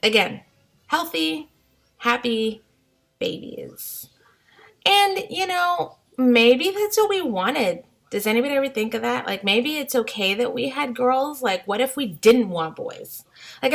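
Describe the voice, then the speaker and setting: Young woman vlogger, unhurried, chatty, filler-heavy home rant. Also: on the high side, a bit bright. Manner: chatty and unguarded, many "like" fillers. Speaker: vlogger, mother of three. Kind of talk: casual rambling vlog rant. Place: home, somewhere with mild winters.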